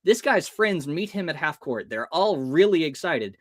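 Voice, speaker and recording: This is a man in his early thirties from America, a podcast guest spinning animated personal stories and performing bits of dialogue expressively along the way. He sounds a little high and sing-song, talking at a moderate pace.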